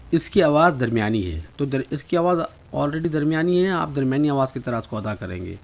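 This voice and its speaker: A man with a somewhat high voice gives a spoken pronunciation lesson. He says each letter sound slowly and repeats it, patiently urging listeners to copy him. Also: a little mellow. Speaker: Arabic pronunciation teacher.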